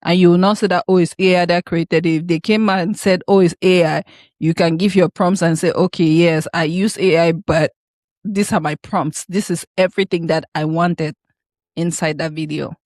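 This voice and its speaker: A woman's voice: fairly low pitch, fairly even intonation, normal speed, darkish tone, no echo. A woman co-hosting a podcast, explaining her view earnestly and circling back to her points in casual chat. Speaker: podcast co-host.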